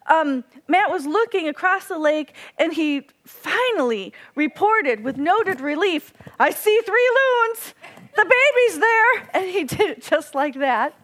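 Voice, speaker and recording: A woman giving a devotional talk, telling a story in an earnest, animated way and imitating bird cries. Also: very high voice. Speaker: devotional speaker.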